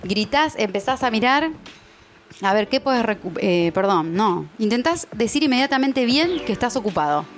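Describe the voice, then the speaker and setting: A woman with a Rioplatense accent hosting a casual chat, laughing often and quickly acting out little scenes. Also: a little high, big pitch swings, a little hiss or hum. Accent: Rioplatense Spanish. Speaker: podcast host.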